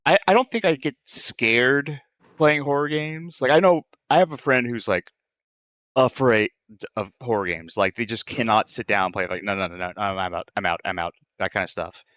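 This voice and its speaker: A man's voice: medium pitch, moderate pace, a bit bright, no echo. A man co-hosting a podcast who chats casually over gameplay, rambling with lots of fillers and the odd casual swear. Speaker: podcast co-host.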